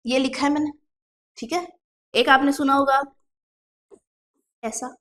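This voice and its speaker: High-voiced woman teaching Hindi pronunciation. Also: fairly even intonation, a bit bright. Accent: Chhattisgarh Hindi. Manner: explains step by step, asking and answering her own questions; slows to drawn-out pronunciation drills. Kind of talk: exam-prep classroom lesson.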